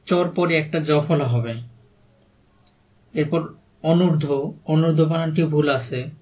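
With a Bangladeshi Bengali accent and a slightly high, darkish voice, a tutor preparing students for exams takes his time reading quiz questions in fairly even intonation. Plain answers come after each one, each with a brief explanation.

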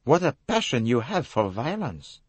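A man's voice: mid-range voice, big pitch swings, normal speed, darkish tone, breathy edge, no room sound, voice pushed up. Hercule Poirot, a man putting on a prim detective. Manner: precise, formal. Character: fussy, dignified little male detective, proud.

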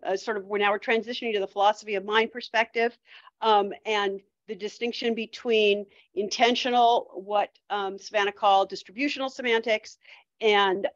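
A woman's voice: medium pitch, no room sound, highs cut off. A woman giving an academic lecture, thinking aloud with frequent restarts and fillers.

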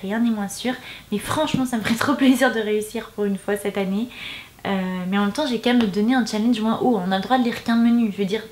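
A woman's voice: fairly high pitch, fairly even intonation, fast talker, darkish tone. Chatty woman in an echoey room. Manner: chatty, self-mocking, jokey. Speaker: book vlogger. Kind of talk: casual chat to camera.

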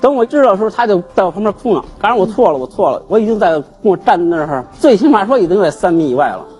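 A man, a guest telling his grievance on a TV talk show in an animated, aggrieved way. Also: sits high, racing. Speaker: guest, husband seeking divorce. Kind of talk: emotional storytelling on a TV talk show.

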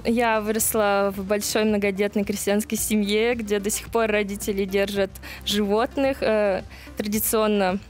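Mid-pitched woman guest chatting. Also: little pitch movement, moderate pace, soft background music. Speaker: interview guest, nature park founder. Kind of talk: conversational storytelling. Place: small TV studio.

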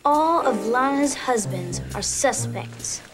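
A woman's voice: fairly high pitch, animated, takes it slowly, over music. A young teenage girl playing an earnest kid detective who leads her friends in a TV drama. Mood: businesslike. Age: young teen.

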